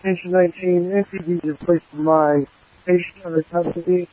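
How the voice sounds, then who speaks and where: A man's voice: high voice, steady tone, moderate pace, breathy edge, dry recording. A man on an emergency crew reporting from the field over a two-way radio, matter-of-fact with hesitant fillers. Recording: muffled radio transmission.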